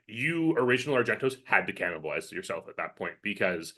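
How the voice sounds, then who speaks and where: A man's voice: low voice, pushed and bright. A man hosting a casual interview and asking loose, slangy questions. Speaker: host.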